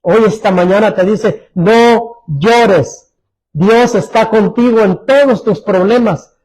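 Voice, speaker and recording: A man preaching a sermon as pastor, Mexican Spanish accent, repeating phrases and dropping to soft, low tones for emphasis. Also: poor audio. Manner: repeats phrases, restarts words.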